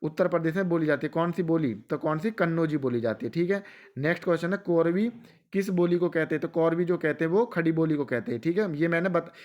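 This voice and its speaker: Fast-talking male exam-prep teacher. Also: a little high, darkish tone. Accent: western Uttar Pradesh. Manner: asks questions and answers them himself; repeats answers for emphasis. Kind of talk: rapid quiz-style lecture.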